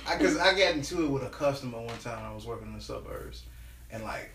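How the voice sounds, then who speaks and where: A male podcast guest telling stories in a lively, profane way. His voice sounds set back from the mic in a roomy space. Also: medium pitch, quick pace, recorded from a distance, slight background noise. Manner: animated storyteller, profane. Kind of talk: casual podcast chat.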